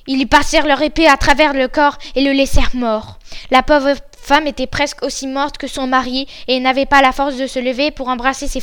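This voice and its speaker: A woman with a high voice reads a classic fairy tale aloud. Her narration is measured and soft. She tells it like a storyteller.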